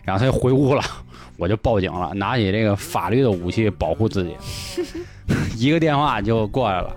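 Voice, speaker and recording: A man's voice: lowish voice, brisk, soft background music. A man tells a story as a podcast host in a casual way, acting out the dialogue with lots of laughter. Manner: animated, acts out quoted dialogue, laughs often.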